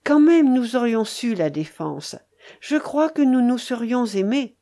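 A woman's voice: on the high side, expressive, unhurried, warm tone, pitched above the performer's own voice. A woman reading a grave, sorrowful young man. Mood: pleading.

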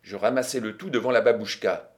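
A man narrating a literary audiobook in a measured, restrained storytelling manner. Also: fairly low pitch.

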